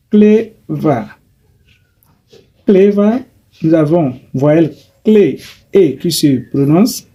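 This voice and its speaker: A man teaching a grammar lesson, slowly and haltingly, repeating himself and correcting his as he goes. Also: a little high, dark tone, husky. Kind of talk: grammar lesson explaining English adjectives.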